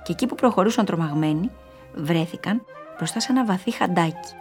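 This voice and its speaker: Lower-pitched woman reading a storybook. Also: animated, faint music behind. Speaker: narrator. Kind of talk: storybook narration.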